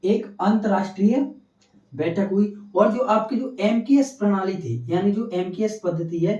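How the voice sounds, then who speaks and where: In an echoey room recorded on a distant, dull mic, a male science teacher delivers a lecture at a moderate pace. His voice is high-pitched and warm, and he repeats key terms while posing and answering his own questions.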